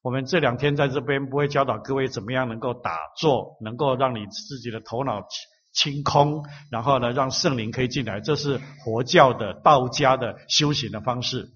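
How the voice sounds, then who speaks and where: A man preaching a sermon, teaching slowly and repeating phrases for emphasis. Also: mid-range voice, a bit bright, breathy edge, lo-fi sound. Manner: slow, emphatic repetition of phrases.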